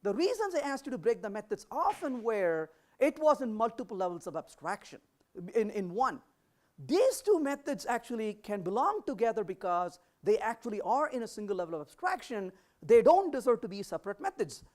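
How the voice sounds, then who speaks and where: A woman's voice: on the high side, sing-song, brisk, darkish tone. A woman giving a conference talk to developers, questioning the audience and acting out short dialogues. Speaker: conference speaker.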